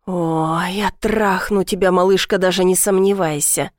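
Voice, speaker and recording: A woman voicing a possessive, domineering young man who speaks in a low growl. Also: fairly even intonation, measured pace, dry recording, clean studio sound, lightly acted. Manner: low growling, hissing delivery.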